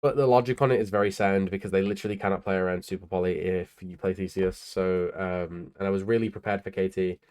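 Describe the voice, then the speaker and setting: A man's voice: deep voice, steady tone, fast, few pauses, darkish tone, clear, resonant tone. A tired young man casually talking through his tournament card deck in a laid-back, rambling way, with lots of ums and uhs. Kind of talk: casual deck profile talk.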